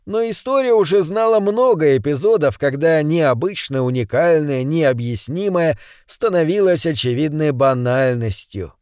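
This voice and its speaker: A man voicing a calm, reflective man who speaks in a measured, gently ironic way. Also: fairly high pitch, clear, resonant tone, dry recording, clean studio sound, lightly acted.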